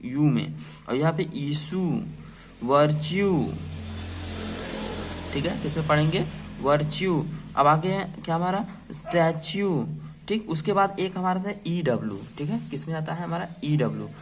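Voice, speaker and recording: Male teacher, slightly high voice, quizzing style, spells words out. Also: animated, fairly quick, a little hiss or hum. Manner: asks and answers his own questions. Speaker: English teacher. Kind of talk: spoken phonics lesson.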